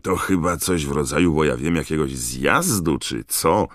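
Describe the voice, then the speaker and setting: A man's voice: extremely low pitch, moderate pace, no echo, clean studio sound, pitched above the performer's own voice. A man voicing a suspicious, weary middle-aged campsite owner who talks in wary, musing questions.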